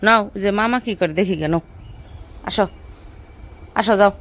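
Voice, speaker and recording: A woman's voice: mid-range voice, unhurried. Woman coaxing a child. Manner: coaxing a small child to write. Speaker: village vlogger. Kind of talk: casual family vlog narration. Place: village home, outdoors.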